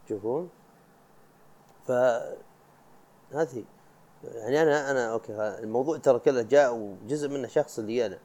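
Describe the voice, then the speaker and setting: A man's voice: mid-range voice, moderate pace, pauses often, a little mellow. A young man from Arabia, hosting a casual solo podcast in a chatty, rambling way, often breaking off mid-thought and laughing. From Saudi Arabia. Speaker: podcast host.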